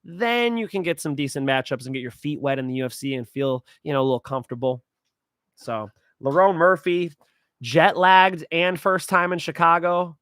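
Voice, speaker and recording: A young man hosting a fight predictions show, talking in a rambling, excitable way and swearing freely. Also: fairly high pitch, normal speed, dry recording, studio quality. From California. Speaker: host.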